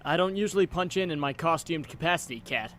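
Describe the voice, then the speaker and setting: A man's voice: fairly high pitch, expressive, fast talker, a bit bright, a little hiss or hum. A man voicing an earnest, self-doubting and wry young superhero in a comic book dub, with theatrical delivery.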